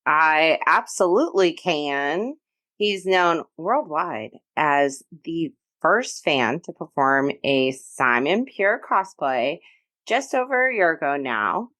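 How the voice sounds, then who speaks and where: Slow-paced, expressive woman co-hosting. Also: low voice. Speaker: podcast co-host. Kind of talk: casual podcast chat.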